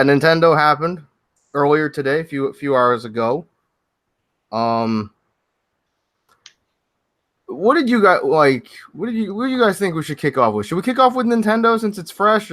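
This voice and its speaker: A man's voice: a little high, big pitch swings, normal speed, pauses often, fairly bright tone, dry recording. A young man hosting a casual gaming podcast, chatty and loose, often restarting his sentences. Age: young adult. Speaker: podcast host.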